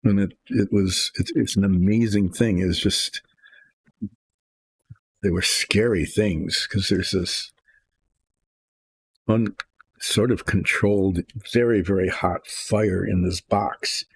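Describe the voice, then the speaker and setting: An older man hosting a relaxed painting show, rambling and thinking aloud from his workshop as he works. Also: sits low, takes it slowly, pauses often, breathy edge, dry recording. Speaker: hobby painting host. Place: home workshop.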